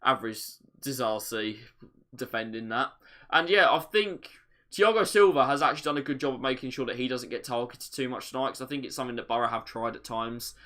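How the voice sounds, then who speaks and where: A man hosting a football watch-along, giving live match commentary and chat, excitable enough to yell at goals on screen. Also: mid-range voice, a little fast.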